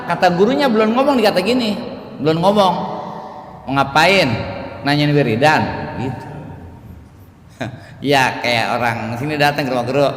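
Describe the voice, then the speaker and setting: A man with a lilt, preaching at a mosque study circle in a casual, joking storytelling way, acting out dialogue. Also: on the high side. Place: mosque hall. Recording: echoey mosque hall with faint noise.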